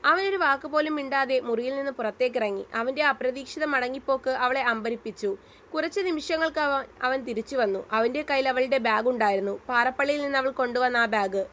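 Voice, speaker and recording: Brief: woman storyteller, high voice, steady expressive read-aloud of a romance story. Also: fast talker, a little hiss or hum. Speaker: storyteller, channel host.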